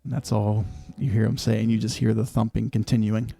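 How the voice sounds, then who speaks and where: A man narrating a tabletop game as game master, describing scenes in a measured way with many fillers. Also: on the low side, level tone, vocal fry, warm tone, no echo.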